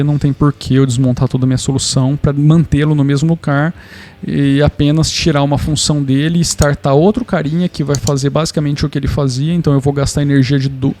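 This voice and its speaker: A man with a Brazilian Portuguese accent and a voice pitched a bit high for a man. He explains tech setups casually, thinking out loud with frequent restarts and tag questions to the viewer. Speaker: tech channel host.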